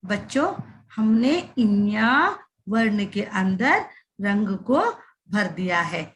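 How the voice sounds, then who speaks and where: Slow sing-song woman teaching children. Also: mid-range voice, animated. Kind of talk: children's lesson voice-over.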